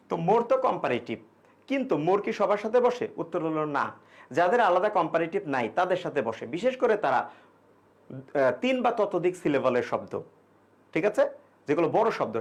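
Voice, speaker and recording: High-pitched and gravelly, a young man runs an online exam-prep class on English grammar. He explains in relaxed Bengali with English examples, reading aloud the questions students send and responding to them.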